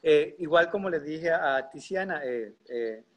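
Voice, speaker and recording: A man's voice: on the high side, animated, a little slow. A middle-aged man moderating an informal online forum, speaking hesitantly and groping for words. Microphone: earbud headset on a video call.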